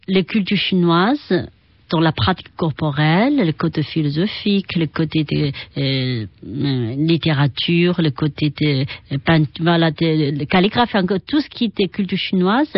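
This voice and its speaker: A middle-aged woman from China, with a Chinese accent, speaking as an interview guest who often pauses and searches for words. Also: lowish voice, no room sound, dull audio. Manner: halting, searching for words with many fillers. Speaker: guest, Qigong and Tai Chi teacher. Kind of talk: radio interview.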